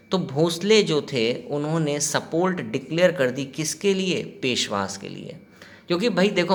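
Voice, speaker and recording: Speaking in a fairly bright, higher-than-average voice, a male history teacher runs a conversational exam-prep class. He blends Hindi with English, throws questions at the students, and dramatizes quoted dialogue.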